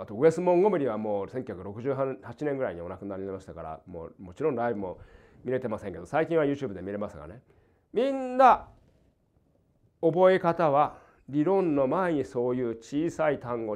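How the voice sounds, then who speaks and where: An older man from Hokkaido with a light Hokkaido accent, teaching jazz guitar in a casual, animated way and acting out rhythms and quoted voices. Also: medium pitch, a little fast. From Hokkaido, Japan. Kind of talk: casual spoken lesson. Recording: dull lo-fi recording.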